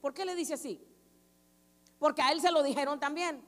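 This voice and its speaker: A woman's voice: high voice, moderate pace, a bit bright. A woman pastor preaching a sermon in an emphatic, declaring manner. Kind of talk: bilingual sermon. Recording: long echo of a large hall.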